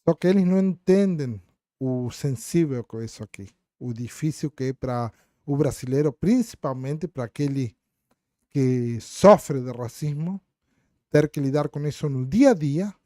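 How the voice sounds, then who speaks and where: A man's voice: a little high, animated, moderate pace, warm tone, no room sound, clean studio sound. Blunt Argentine man lecturing on a livestream. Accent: Argentine Spanish, La Plata. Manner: blunt, lecturing, sprinkles in Portuguese words. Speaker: livestream host answering viewer questions. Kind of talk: casual livestream chat.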